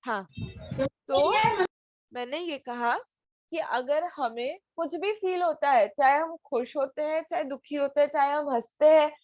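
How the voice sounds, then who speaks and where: High voiced lady teacher on a video call, keeps asking the kids questions, muffled dry sound. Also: measured pace, a little mellow, dry recording. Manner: patient, asks many questions. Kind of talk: online class for children.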